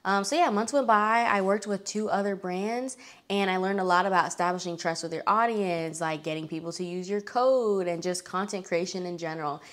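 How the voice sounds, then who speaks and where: A young woman vlogger chatting casually to camera, acting out quoted lines with lively jumps in pitch. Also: fairly quick. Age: young adult. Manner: chatty, lots of fillers, acts out quoted dialogue with bright pitch jumps. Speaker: fitness vlogger.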